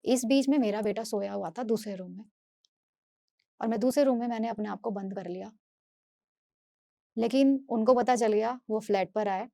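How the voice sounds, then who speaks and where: A woman from Delhi tells her own story in a halting, earnest way, often circling back and repeating herself. Her voice sits fairly high but sounds mellow and warm. The recording is close and dry. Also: gravelly, dry recording. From Delhi, India. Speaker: speaker sharing a personal story. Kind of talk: emotional first-person testimony talk.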